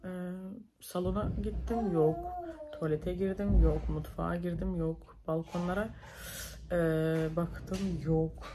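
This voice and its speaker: A woman's voice: fairly low pitch, fairly even intonation, slow pace, background noise. A young woman with a Turkish accent, telling viewers a story in a casual vlog, emotional and breathless as she recounts events. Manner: emotional, breathless retelling with repeated calls. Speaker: vlogger.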